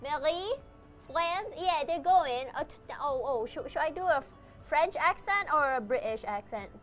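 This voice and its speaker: A young woman hosting a live tech show, giddy and jittery on an energy drink, talking fast with lots of laughing and jokes. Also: high-pitched, expressive, soft background music. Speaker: host.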